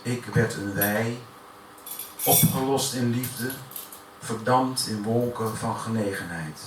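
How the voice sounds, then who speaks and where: A man reading his poems aloud at a café poetry afternoon, reciting in a measured way with deliberate pauses between lines. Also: lowish voice. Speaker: poet. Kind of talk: poetry reading at a live event. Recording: echoey room from far off, noisy.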